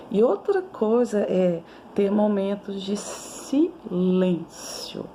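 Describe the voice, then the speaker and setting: With a warm, gravelly, mid-range voice, the same kind of speaker, a Brazilian woman in her forties, lectures on teaching young children. The recording has a little background noise, and her style is conversational, full of restarts and "né?" tags.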